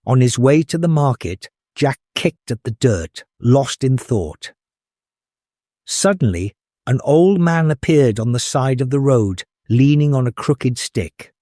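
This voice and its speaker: A man reading a children's storybook aloud as a storyteller, in the expressive, measured manner of a fairy tale opening. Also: medium pitch, no echo, clean studio sound.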